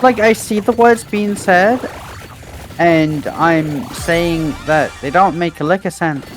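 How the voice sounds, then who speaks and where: A woman co-hosting a game stream, excitable and rambling, swearing a lot and jumping high in pitch when surprised. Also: takes it slowly, faint music behind. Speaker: stream co-host. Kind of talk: casual live-stream chat.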